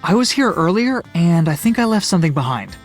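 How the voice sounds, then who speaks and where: An actress playing a quirky, quick-witted young heroine in a video game, with a wry, cheeky manner. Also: female voice, lowish voice, sing-song, soft background music. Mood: cheeky, earnest. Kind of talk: video game character acting.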